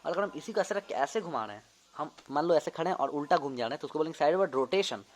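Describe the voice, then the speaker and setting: A man's voice: on the high side, expressive, very fast. A young man, a medical student, casually teaching an anatomy lesson, demonstrating movements and often repeating terms to check understanding. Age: young adult.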